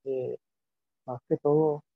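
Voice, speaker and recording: A man teaching a lecture, speaking slowly and deliberately and asking himself rhetorical questions as he explains. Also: mid-range voice, flat delivery, gravelly, no echo. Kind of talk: lecture on biblical poetry. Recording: dull lo-fi recording.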